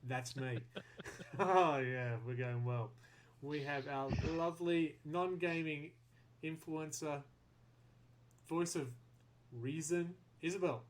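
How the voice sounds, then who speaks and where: A man hosts a casual podcast with his friends. He is chatty, laughs easily and sounds a little flustered. His voice sits a touch high, with a faint hiss behind it. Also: takes it slowly, long pauses. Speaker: podcast host.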